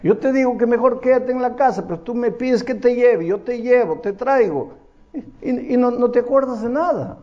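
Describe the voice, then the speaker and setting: A man's voice: very high-pitched, moderate pace, a little mellow, dull audio, voice pushed up. A man voicing a teasing grandson who asks exasperated, mocking questions in a sermon story.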